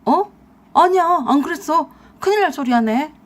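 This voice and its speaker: A woman's voice: sits high, animated, moderate pace, voice pushed up. Woman doing a blustering, caught-out young husband. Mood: defensive, angry. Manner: loud, blustering and defensive.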